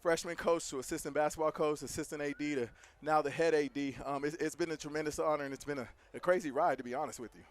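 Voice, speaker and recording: Winded, fast-talking man in a press box. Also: a little high, fairly even intonation. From Hobbs, New Mexico. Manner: earnest, frequent restarts. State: out of breath. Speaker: athletic director. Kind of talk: halftime interview guest.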